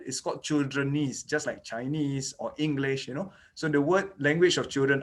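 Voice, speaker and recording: A Malay-speaking man with a mid-range, slightly bright voice gives an online lecture on children's dental care, recorded indoors. He explains things step by step, often saying "okay" and "you know."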